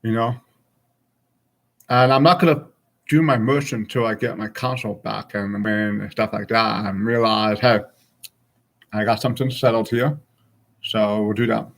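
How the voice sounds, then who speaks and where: A man's voice: on the low side, steady tone, unhurried, creaky, long pauses, a bit bright. A man of forty chatting casually and frankly with his stream viewers, rambling from thought to thought. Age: 40s.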